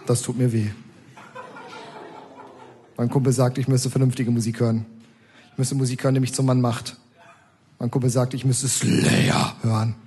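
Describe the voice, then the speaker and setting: Deadpan man reading comic stories. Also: mid-range voice, moderate pace, pauses often, husky. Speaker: performer reading his own texts.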